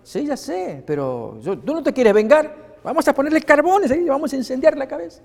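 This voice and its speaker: A man's voice: very high-pitched, very animated, a little fast, gravelly, voice pushed up, full character voice. A man playing a coaxing, scheming uncle. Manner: coaxing, conspiratorial. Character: scheming, reassuring adult uncle. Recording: long hall reverb.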